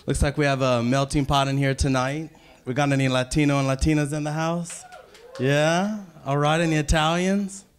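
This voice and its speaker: A man's voice: a little high, fairly even intonation, normal speed. A man, performing stand-up on a comedy club stage and telling brash, punchy stories. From Louisiana, USA. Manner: brash, storytelling, punchy asides.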